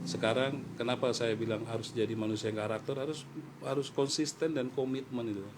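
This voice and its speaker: A man's voice: medium pitch, steady tone, a little fast, background noise. A middle-aged man, a foster father and football mentor, telling his story earnestly and dropping into fatherly advice. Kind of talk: heartfelt conversational storytelling.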